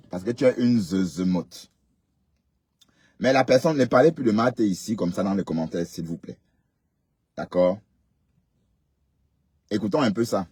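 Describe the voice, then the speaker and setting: A man's voice: on the low side, a little mellow, breathy edge, no echo. A man hosting a live stream, commenting casually and emphatically, repeating phrases and checking that listeners agree. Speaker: livestream host.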